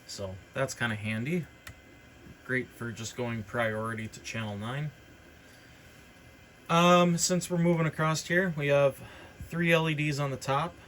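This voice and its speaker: A hobbyist presenter demonstrates radio gear in an informal, unscripted walkthrough, explaining the features hesitantly. His voice is medium-pitched and a bit bright, with a measured pace and frequent pauses, and the background is clearly noisy.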